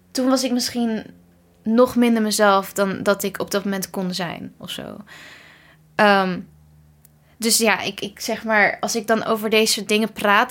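A woman's voice: medium pitch, fairly bright tone. A young woman from the Netherlands, a pop singer being interviewed, talking in an enthusiastic, chatty way with English words mixed in. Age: young adult. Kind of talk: casual interview chat. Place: bedroom at her parents' home.

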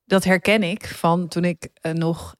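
A woman's voice: on the low side, steady tone, unhurried, no echo, studio quality. A woman in her thirties co-hosting a podcast, chatting casually and laughing at herself. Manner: chatty, laughing, self-mocking. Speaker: podcast co-host. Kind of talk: casual chat.

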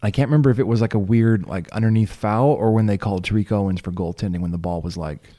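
A man co-hosting a sports podcast in relaxed, chatty talk, his voice a little strained from shouting at a game. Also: fairly low pitch, quick pace, no echo. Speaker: podcast co-host. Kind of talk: casual sports chat.

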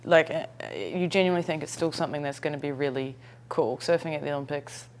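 A woman hosting an interview, asking quick, chatty questions. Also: deep voice. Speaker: podcast interviewer.

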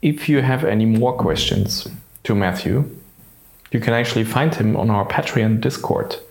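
A man's voice: fairly low pitch, moderate pace, vocal fry. Echoey-sounding male podcast co-host. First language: not English. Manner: relaxed, chatty, loose phrasing with self-corrections. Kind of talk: casual podcast intro. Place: unfinished studio under construction. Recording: echoey, roomy studio sound.

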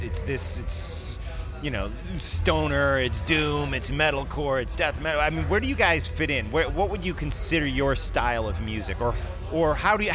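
A man hosting a music show, conducting a casual interview. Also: mid-range voice. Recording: outdoor urban festival, music behind.

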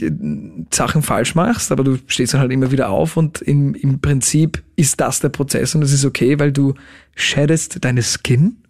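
A man's voice: on the high side, a little mellow. A man, a pop musician talking casually in an interview and mixing English words into his speech. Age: late 20s.

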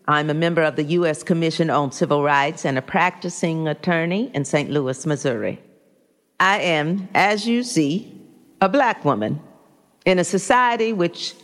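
A woman's voice: low voice, big-room sound, lightly acted. A woman reading as a formal, precise civil rights attorney. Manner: direct and formal with a smile in the voice. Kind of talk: reading historical testimony.

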